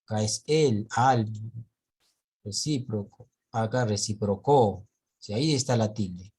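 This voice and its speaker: A man's voice: on the low side, takes it slowly, darkish tone, husky. A male teacher on a video call, going through his students' reading mistakes point by point. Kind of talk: online reading class feedback.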